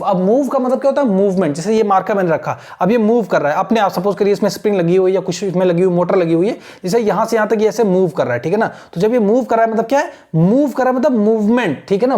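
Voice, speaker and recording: A man gives a patient classroom lesson, reading English passages slowly and word by word. His voice is soft and mellow, never sharp. He keeps checking that his students are following. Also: high voice. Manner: patient, repeats a checking tag after nearly every sentence. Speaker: teacher.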